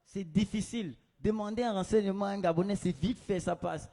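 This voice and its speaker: A man performing live stand-up comedy as the show's host, talking in an animated way and booming announcements to the crowd. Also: a little fast. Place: live comedy show on stage.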